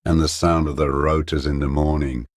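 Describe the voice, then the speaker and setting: An actor voicing a bitter, broken old communist deserter in a video game, gravelly and husky, speaking in slow, halting, grave rhetoric. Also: male voice, rumbling low, flat delivery, no room sound, studio quality. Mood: haunted, grave. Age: older. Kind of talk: dramatic monologue, game voice acting.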